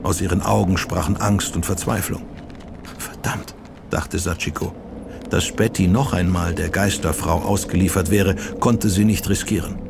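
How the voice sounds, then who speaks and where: A man with a low voice reads an audiobook in measured, dramatic narration. A faint hiss sits behind him. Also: fairly even intonation, vocal fry. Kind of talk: scripted narration.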